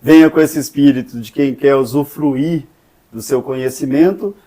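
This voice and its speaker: A man talking casually and warmly about his town, joking and urging visitors to come. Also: mid-range voice, normal speed. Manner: enthusiastic, joking, inviting. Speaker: local interviewee promoting the town. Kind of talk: casual chat.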